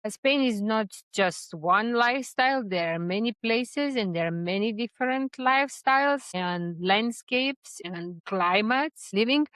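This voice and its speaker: Young woman from Serbia, vlog host, unhurried and chatty, mid-pitched voice, close and dry. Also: a bit bright, no echo. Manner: unhurried, with frequent fillers and restarts. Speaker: expat life vlogger. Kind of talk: casual explainer talk to camera.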